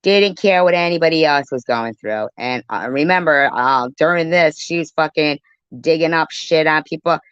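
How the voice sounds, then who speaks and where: Reacting indignantly to a played livestream clip, a commentator swears and repeats phrases for emphasis in spontaneous remarks. The voice is medium-pitched, clear, resonant and fairly bright at a moderate pace, captured in a dry, dull lo-fi recording.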